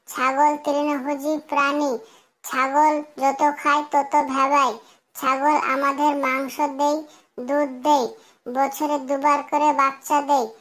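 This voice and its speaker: A performer uses a high, sharp, exaggerated voice for an earnest cartoon schoolboy in comedy dialogue. The character talks like a pupil reciting lessons he has memorized.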